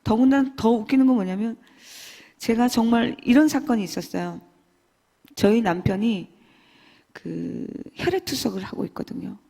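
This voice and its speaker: A woman giving an emotional church testimony, swinging between loud and hushed. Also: on the high side, moderate pace, gravelly, pauses often. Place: church hall. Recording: long church hall reverb.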